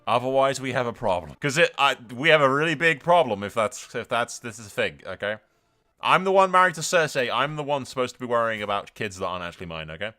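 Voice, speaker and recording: A video game streamer narrates his strategy game playthrough with loose, off-the-cuff commentary, telling the story in character and cursing freely in a jokey, colloquial way. His medium-pitched voice is animated and quick, with a pushed, bright quality.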